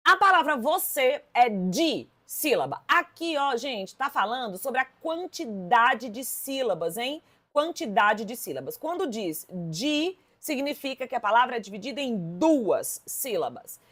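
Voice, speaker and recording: A lively Brazilian woman leads an exam-prep grammar lesson. Her voice sits a little high, and she stresses key words as she speaks to her students. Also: measured pace, hardly any pauses. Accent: Brazilian Portuguese. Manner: lively, emphatic, addresses students directly. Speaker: Portuguese teacher.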